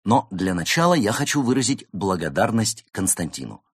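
A man voicing a calm, confident male fox who leads his friends. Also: lowish voice, moderate pace, breathy edge, no echo, studio quality, pitched above the performer's own voice, full character voice. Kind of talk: audiobook character voice.

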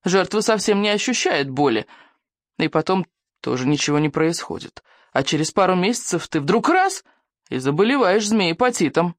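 A man doing a creaky, gloomy old village elder. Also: high-pitched, sing-song, moderate pace, no room sound, studio quality, voice pushed up. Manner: mutters and frets over bad omens.

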